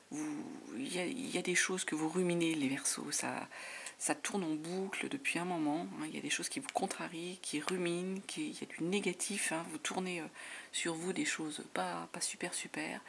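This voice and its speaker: A woman giving a monthly tarot reading in a soft, half-whispered voice full of fillers, her voice giving out. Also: on the low side, creaky. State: voice giving out, clearing throat. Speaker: tarot reader. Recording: noisy home recording.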